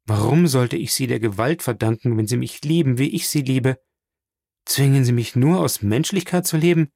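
A man's voice: medium pitch, moderate pace, creaky, warm tone, no room sound. A man reading an audiobook, voicing a passionate young man who speaks earnestly and with feeling. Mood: impassioned. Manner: earnest and impassioned.

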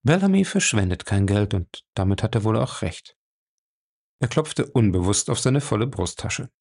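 A man narrating an audiobook in a steady, even reading voice. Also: on the low side, moderate pace, creaky.

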